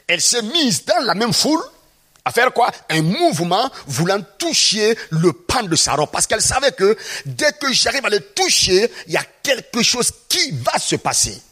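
A man's voice: sits high, very animated, moderate pace, sharp tone, breathy edge. A man preaching a sermon, acting out scenes from the Bible and asking the congregation rhetorical questions.

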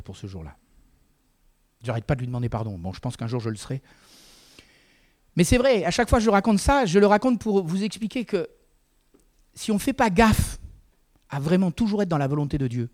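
A man's voice: a little high, expressive, brisk, long pauses, darkish tone. A man preaching a sermon in a conversational way, with frequent asides to the congregation.

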